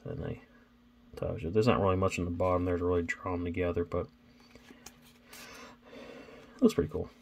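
A man's voice: low voice, vocal fry, slight background noise. A man hosting a casual card-opening vlog, rambling and thinking aloud as he talks, with some stammering. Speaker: card-opening channel host.

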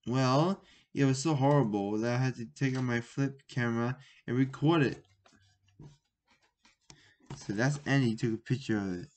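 A man's voice: mid-range voice, a little mellow, slight background noise. A man reading a children's book aloud, stopping often to restart words and comment on the pictures. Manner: halting, with frequent restarts and comments. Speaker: story reader.

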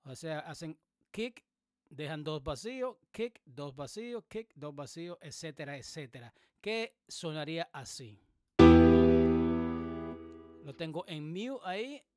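A man hosting a music production tutorial, explaining things casually with many pauses and fillers. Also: fairly high pitch. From Dominican Republic. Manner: relaxed, explanatory, many hesitations. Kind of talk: casual screen-recorded tutorial. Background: beat playing in the background.

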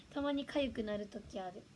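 Young woman, high voice, chatty and giggly, casual livestream talk, faint background hum. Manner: giggly, chatty, reacting to viewer comments. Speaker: livestream host.

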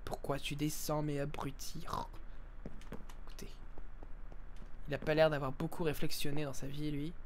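A young man commentating a live game stream, joking and bursting into yells. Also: fairly high pitch, fairly quick, hardly any pauses, background noise. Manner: jokey, excitable, yells in sudden bursts. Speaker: gaming streamer.

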